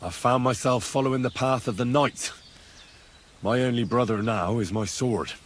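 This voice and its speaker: A man's voice: medium pitch, moderate pace, lightly acted. An actor voicing a terse young male swordsman in video game dialogue, with blunt, dry replies.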